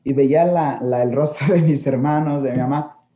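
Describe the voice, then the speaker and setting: Very dark-voiced priest talking on grief. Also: male voice, medium pitch, moderate pace. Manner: reflective, often checks in with listeners with tag questions. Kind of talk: conversational talk on grief.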